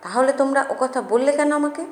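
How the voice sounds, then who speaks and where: A woman's voice: on the high side, expressive, moderate pace, reverberant, natural voice. A woman voicing a grumpy, stingy older male hotel manager who blusters and scolds. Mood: blustering.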